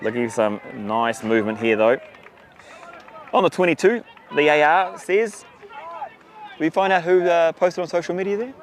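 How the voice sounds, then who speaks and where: Excitable male rugby commentator outdoors. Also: fairly high pitch, moderate pace, pauses often, slight background noise. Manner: chatty, excitable, gives shout-outs to viewers. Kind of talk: live sports commentary. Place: outdoors at a sunny rugby ground.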